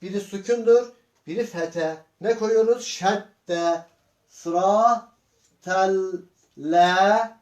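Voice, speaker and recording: A man teaching Quran reading in a slow lesson, sounding out syllables one by one and asking his students patient questions. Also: sits high. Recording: echoey room.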